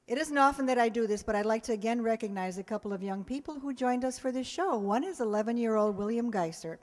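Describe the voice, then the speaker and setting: An American woman who directs a theater group gives a chatty thank-you speech straight to her audience and cast at a live stage performance in a hall. Her voice is a little high and a little mellow, her pace quick. The hall is echoey with audience sounds and a little hiss or hum.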